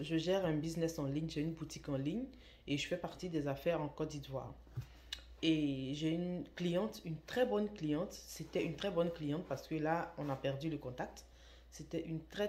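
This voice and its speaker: A woman's voice: deep voice, mellow. A woman who runs an online shop, telling a story in a casual, emphatic way and repeating words for stress. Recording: echoey room.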